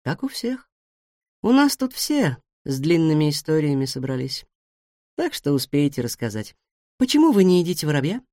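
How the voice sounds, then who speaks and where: A woman's voice: sits low, moderate pace, no room sound, studio quality. A woman doing a firm, motherly she-cat. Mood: gentle. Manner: calm and firm, bossy. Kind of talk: storybook reading.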